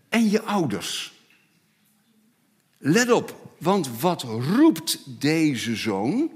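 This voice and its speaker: Middle-aged male pastor, dramatic sermon delivery, slow, highly animated. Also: husky. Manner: dramatic, emphatic, acts out voices.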